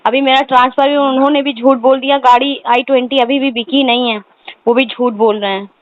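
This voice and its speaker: On a noisy, tinny phone line with clicks, a woman calls a car salesman as a customer and complains at length, insistent and aggrieved. Her voice is high with fairly even intonation, a little fast, and the recording is dry.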